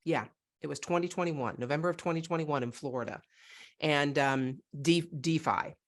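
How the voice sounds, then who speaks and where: A woman from Northern California hosts a podcast from home, chatting enthusiastically in a casual interview. Her voice is deep and her speed normal.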